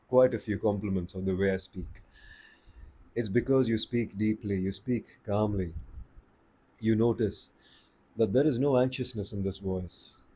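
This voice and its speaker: A man with an Indian accent giving calm, slow-paced advice on speaking to the camera. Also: fairly low pitch, husky. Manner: slow, calm and deliberate, with pauses. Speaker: voice coach. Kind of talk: casual advice talk to camera.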